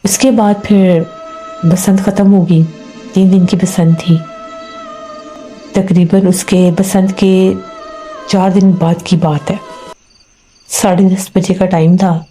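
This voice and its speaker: A woman with a very dark, mellow voice tells a first-person horror story. She talks in a loose, chatty way, going back over phrases and restarting them. Faint music plays softly behind her. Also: fairly low pitch, little pitch movement, long pauses. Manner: loose, conversational retelling with repeats and restarts.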